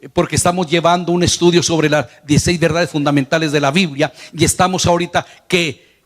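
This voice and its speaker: A man's voice: a little high, fairly even intonation, brisk. A man preaching a sermon in Spanish as pastor, earnest, his voice lifting when he retells scenes. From Latin America. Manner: earnest preaching, voice rising on quoted lines.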